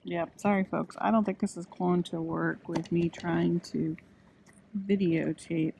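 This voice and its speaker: A woman's voice: lowish voice, fairly even intonation, unhurried, creaky, mellow, a little hiss or hum. A middle-aged woman chatting casually as she paints watercolors from a kayak on a lake. She thinks aloud and pokes fun at herself, sounding hot and a little out of breath, and she records into a phone held in her hand. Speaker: watercolor artist. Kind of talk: casual chat while painting. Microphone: phone camera held in hand.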